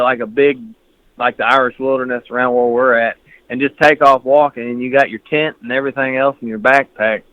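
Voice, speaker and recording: A man comes through a clipped, narrow phone line. He tells stories in a rambling, easygoing way at an ordinary pitch. The sound is dry, with no room around it. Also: no room sound. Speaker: guest hunter. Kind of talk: casual chat.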